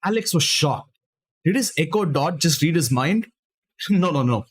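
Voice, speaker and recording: Young male streamer, rambling casual reader, slightly high voice. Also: animated, measured pace, slightly rough. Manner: loose, rambling, many fillers. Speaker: streamer reading writing prompts. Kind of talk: casual live-stream chat and story reading.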